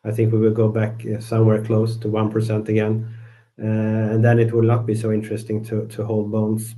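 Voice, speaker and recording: A middle-aged man from Sweden, a fund manager guest, answering interview questions in a measured way and often repeating words as he searches for phrasing. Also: fairly low pitch, warm tone.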